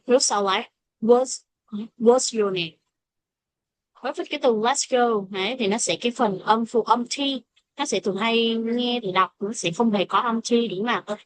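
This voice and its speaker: A woman teaching an English pronunciation lesson, speaking English with a Vietnamese accent and slowing down to model example phrases. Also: fairly high pitch, no room sound. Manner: switches between explanation and slow modeled English examples. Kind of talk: classroom lesson explaining pronunciation.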